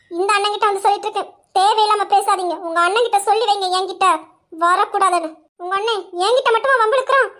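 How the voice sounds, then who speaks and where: Woman playing a scheming young wife, shrill, accusing, very high, fast. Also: a bit bright.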